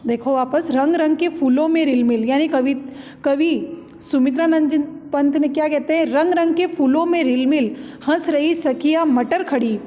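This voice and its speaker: A woman's voice: high voice, dark tone, dull audio. A woman teacher explaining a poem line by line to her students, patiently repeating phrases and checking in with them. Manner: patient, repeats lines and asks "है ना". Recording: long hall reverb.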